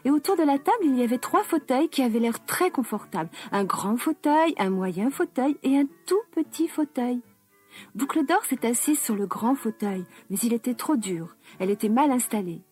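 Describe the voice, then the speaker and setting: A woman narrating a children's story slowly and expressively. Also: a little high, soft background music. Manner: slow, expressive, lively.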